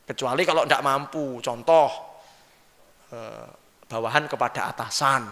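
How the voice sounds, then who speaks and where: A man with a Javanese accent giving a lively sermon, often questioning his audience directly. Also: medium pitch, measured pace. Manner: lively, questions the audience, mixes in local words. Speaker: preacher. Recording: long hall reverb.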